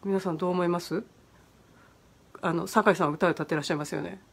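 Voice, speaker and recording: A woman's voice: on the low side, fairly even intonation, fast, vocal fry, breathy edge. A woman hosting a casual livestream, reading viewer comments aloud and answering their questions in a friendly, chatty way. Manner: friendly and chatty, many fillers, answers questions on English pronunciation. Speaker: host of an online virtual bar stream.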